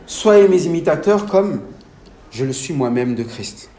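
Male preacher, French accent, lively pitch, sermon delivery with questions to the listeners, reverberant hall. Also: unhurried, a little hiss or hum. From France. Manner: animated, asks the congregation questions.

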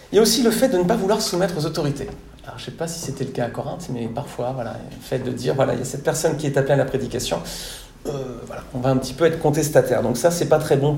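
A man delivers a teaching sermon with a slightly high, warm, mellow voice. He explains point by point and keeps checking that his listeners follow. The sound is roomy, with a faint hiss behind him. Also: creaky. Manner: didactic, repeats "d'accord?" to check understanding. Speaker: preacher. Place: church hall.

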